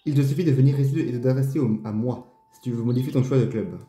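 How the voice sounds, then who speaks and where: A man's voice: mid-range voice, warm tone, slight background noise, close to an everyday voice. A man reading aloud as a stern golf club official. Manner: reads on-screen game dialogue aloud, slow and deliberate. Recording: roomy echo, faint game music.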